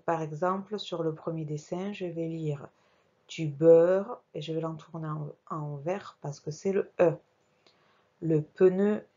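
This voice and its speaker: Woman primary teacher, remote phonics lesson, measured and patient delivery, lower voice, muffled home recording. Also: warm tone. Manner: slow, careful, articulating each sound; talks while working the mouse on screen. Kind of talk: remote reading lesson for young children.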